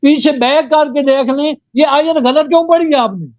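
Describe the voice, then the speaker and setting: High-voiced man in a dry lo-fi debate. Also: dry recording. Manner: chants Arabic invocations slowly, then argues pointedly. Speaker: debater, Sunni cleric. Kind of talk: live religious debate. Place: online live debate. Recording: dull, dry lo-fi audio.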